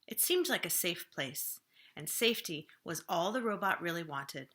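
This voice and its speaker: A woman with a fairly low pitch and lively intonation reads a children's storybook aloud the way a librarian would. She is expressive, using dramatic pauses and slowing into hushed phrasing to build suspense.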